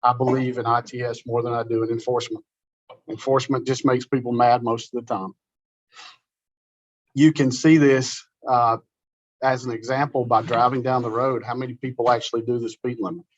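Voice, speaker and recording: A man's voice: mid-range voice, normal speed, no room sound. Man, middle-aged, folksy storyteller, conference talk, dry muffled recording. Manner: animated, folksy storyteller, repeats words. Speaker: conference presenter. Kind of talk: informal conference talk with a told joke. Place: meeting room.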